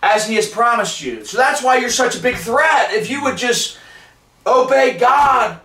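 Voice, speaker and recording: Filmed from across a wood-paneled living room, a forties-aged street preacher reads scripture in a fervent sermon. His very high voice is bright and forceful, expressive yet measured in pace, and the faraway camera leaves the sound roomy.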